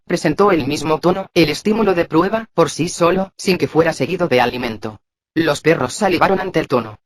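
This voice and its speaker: A man reading a psychology lesson aloud in a steady scripted way, sounding out abbreviations letter by letter. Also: fairly high pitch. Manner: even, flat reading that voices abbreviations letter by letter. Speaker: textbook reader.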